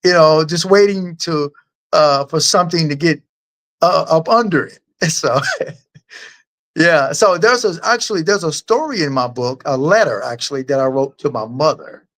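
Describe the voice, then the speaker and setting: Male author guest, slightly high voice, earnest and halting, rambles. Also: a bit bright. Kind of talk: casual interview answers.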